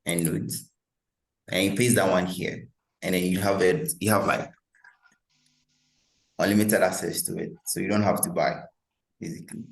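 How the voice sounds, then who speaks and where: A man presenting a workshop, giving relaxed step-by-step software instructions over a video call. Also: sits low, moderate pace, gravelly, pauses often. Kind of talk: software demonstration. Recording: echoey room.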